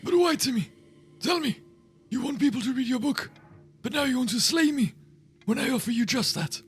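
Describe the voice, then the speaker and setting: A kindly old man acted out by a man with an extremely high voice, coaxing and pleading persistently in a tabletop fantasy game, with faint music behind him. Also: expressive, moderate pace, breathy edge, exaggerated voice. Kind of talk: tabletop role-play.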